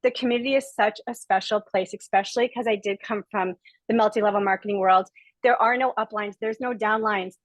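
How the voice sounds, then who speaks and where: A woman's voice: mid-range voice, steady tone, brisk, no room sound, low-quality recording. A woman from Rhode Island giving a heartfelt, gushing testimonial as a guest on a video-call webinar. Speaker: guest speaker.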